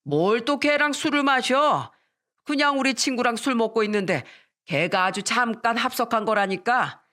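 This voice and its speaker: A woman's voice: a little high, lively intonation, normal speed, sharp tone, voice pushed up. A woman voicing an irritable older father-in-law arguing back in exasperation. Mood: exasperated. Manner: defensive, exasperated.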